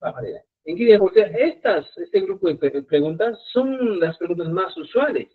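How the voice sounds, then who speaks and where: A man's voice: high voice, animated, normal speed, husky. A man teaching a live online language lesson, explaining patiently and often checking whether his students follow. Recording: tinny phone-like audio.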